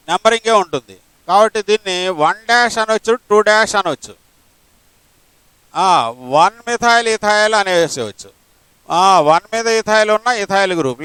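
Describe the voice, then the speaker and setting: High-voiced male chemistry teacher lecturing. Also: a bit bright, smooth, dry recording, poor audio. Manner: explains step by step, asks rhetorical questions; mixes English terms into his talk. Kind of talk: classroom lecture.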